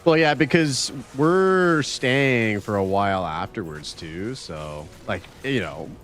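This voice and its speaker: A man's voice: on the low side, lively intonation, slow pace, fairly bright tone, a little hiss or hum. A young man chatting as a guest on a gaming stream, easygoing, laughing and swearing, saying "bro" and "dude". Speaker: guest content creator. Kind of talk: casual gaming chat.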